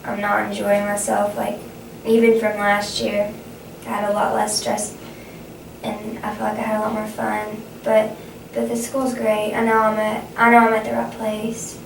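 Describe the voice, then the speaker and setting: Halting young woman, distant and echoey. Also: medium pitch, monotone, gravelly. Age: young adult. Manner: halting, repeats and restarts phrases. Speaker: student playing a counseling client. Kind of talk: conversational counseling role-play. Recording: echoey, distant, noisy room recording.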